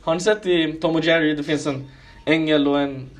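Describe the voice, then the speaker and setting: A man with a high-pitched voice delivers a sermon. He keeps firing rhetorical questions at the congregation and calls them his brothers and sisters. He clears his throat now and then between points. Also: steady tone, a little hiss or hum. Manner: asks listeners many rhetorical questions; addresses listeners as brothers and sisters. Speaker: preacher.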